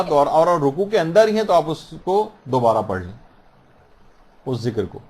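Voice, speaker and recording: A man teaching the rules of prayer in a patient, explanatory way, repeating phrases and slowing down to model the correct pronunciation. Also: high voice. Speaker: religious teacher. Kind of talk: instructional talk on prayer rules.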